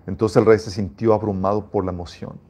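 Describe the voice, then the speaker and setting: A man's voice: lowish voice, fairly even intonation, a little fast, warm tone, breathy edge. A man preaching a sermon as a pastor, reading scripture aloud and speaking emphatically, often restarting his phrases.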